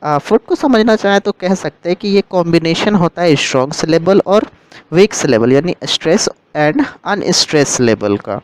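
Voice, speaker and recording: A man gives a literature lesson, moving patiently from term to term and rephrasing each one. His voice is clear and crisp, and sits slightly high for a man. The sound is dry and close, with no room around it. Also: measured pace, no room sound, low-quality recording. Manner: steady explanatory, repeats and rephrases terms. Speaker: literature teacher. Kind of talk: explaining a lesson in Hindi with English terms.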